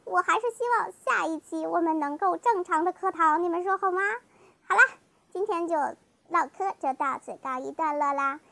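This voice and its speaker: Chatty lady vlogger, high voice, keeps asking her viewers "right?", dry close sound. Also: normal speed, creaky, sharp tone, dry recording. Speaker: fan vlogger. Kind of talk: casual fan commentary talk.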